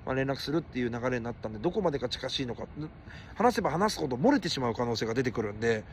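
A man's voice: mid-range voice, lively intonation, very fast, slight background noise. A man talking casually on his own livestream, rambling and mixing polite speech with blunt remarks.

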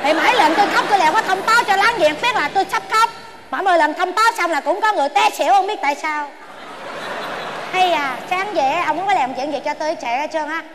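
A shrill, very high-pitched old wife, played by a woman with a Southern Vietnamese accent, bickering in a stage comedy sketch. She whines fast and never gives an inch. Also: over a noisy crowd, heavy background noise. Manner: shrill, whiny and quick-tongued. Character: bickering stubborn elderly wife.

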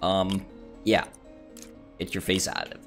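A man's voice: sits low, steady tone, measured pace, vocal fry. A man streaming a video game, joking to himself and greeting viewers as he plays. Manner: joking self-talk, chatting to viewers. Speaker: livestreamer. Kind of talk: casual gameplay commentary. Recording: voice over loud game music. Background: game music.

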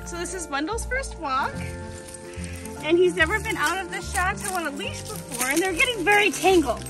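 A woman's voice: very high voice, lively intonation, moderate pace. A woman narrating fondly about a dog's walk in a casual vlog. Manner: fond commentary on pets. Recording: distant voice under loud music.

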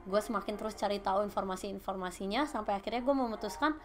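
A woman in her late twenties with a Sundanese-tinged Indonesian accent, a podcast guest telling her story in lively casual chat and mixing in English phrases. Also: mid-range voice, quick pace, faint music behind. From Bandung, Indonesia.

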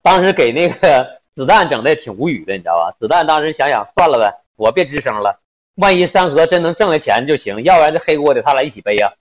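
A man's voice: on the high side, big pitch swings, quick pace, highs cut off. A man telling a story casually, crude and colloquial, slipping into voices for the people he quotes.

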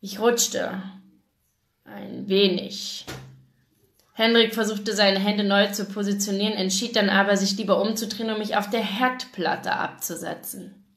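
In an echoey room, a woman with a German accent reads a romance novel live, narrating in first person and acting out the dialogue. Her mid-range voice is fairly bright and fairly even in intonation, and she takes her time.

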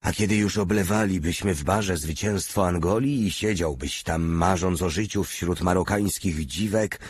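A man's voice: deep voice, husky, no echo. A man voicing a simple-minded, hulking soldier who talks about himself in the third person, read as an audiobook character.

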